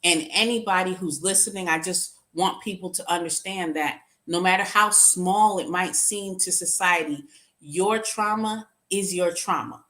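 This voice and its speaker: A woman's voice: on the low side, measured pace, a bit bright. A middle-aged woman speaking as an interview guest, telling personal stories in an earnest, reflective way. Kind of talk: conversational interview.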